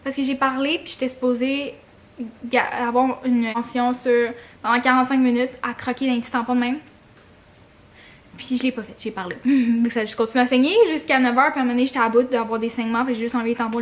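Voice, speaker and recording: A young woman with a Quebec French accent telling a personal story casually to camera, expressive and slangy, with swearing and English words mixed in. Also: on the high side, fairly quick. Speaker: vlogger.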